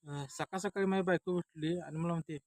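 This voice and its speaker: A man telling a comedy sketch casually, stopping and restarting with fillers. His voice is high for a man, recorded close in a dry room. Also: steady tone, a little fast, darkish tone, no echo. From Maharashtra. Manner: hesitant, many fillers. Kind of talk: casual comic storytelling.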